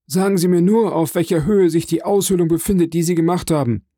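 A man's voice: high voice, expressive, normal speed, mellow, husky, dry recording, studio quality, voice pushed up, exaggerated voice. A man voicing an old male prisoner who speaks from behind a wall and asks terse, urgent questions.

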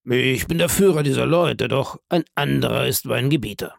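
Narrating an audiobook, a man voices a calm, phlegmatic bandit chief who replies unhurriedly with dry, mocking courtesy. His voice is mid-range and creaky, and the recording sounds dry.

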